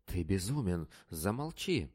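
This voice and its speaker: A man voicing a scheming Venetian leader who barks in fury, read in a low voice. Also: big pitch swings, a little slow, darkish tone, breathy edge, exaggerated voice. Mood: furious. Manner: barking, furious. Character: raging scheming Venetian man, losing composure.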